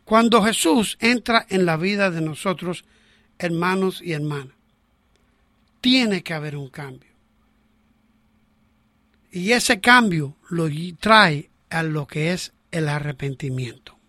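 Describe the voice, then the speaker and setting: Slow, earnest woman preaching. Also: lowish voice, a bit bright, no room sound, clean studio sound. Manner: earnest exhortation to the congregation. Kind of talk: sermon.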